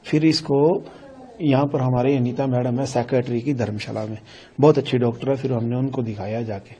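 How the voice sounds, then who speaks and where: A middle-aged man from Himachal Pradesh, a grieving father, recounting events in a news interview in a halting, repetitive way, often quoting what his family said. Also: mid-range voice, fairly even intonation, mellow. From Himachal Pradesh, India. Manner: repetitive, halting storytelling that quotes family dialogue.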